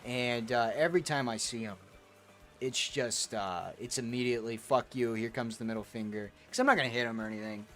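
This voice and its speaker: A man's voice: mid-range voice, a little fast, fairly bright tone, soft background music. A young man streaming a kart racing game, reading chat aloud and answering in crude, profane banter. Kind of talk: casual gaming stream chat.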